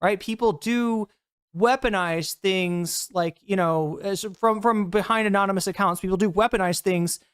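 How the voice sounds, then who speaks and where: Streaming casually, this woman comments on clips to her chat in a heated, blunt manner, cursing freely. She talks at normal speed in a clear, resonant voice of ordinary middle pitch, recorded close and dry with no echo.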